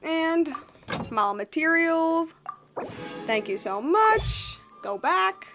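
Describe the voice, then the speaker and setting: A video game streamer gives casual, rambling gameplay commentary, slangy and informal, repeating herself for emphasis. Her voice is very high-pitched with big pitch swings, and she speaks extremely slowly over music.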